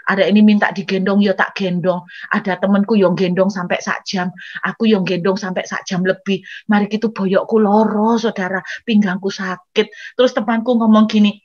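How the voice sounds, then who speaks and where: A woman's voice: medium pitch, steady tone, normal speed, a little mellow. A woman preacher with an East Javanese accent, telling a story in a sermon, often addressing the congregation and acting out scenes with Javanese words mixed in. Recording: dull lo-fi recording.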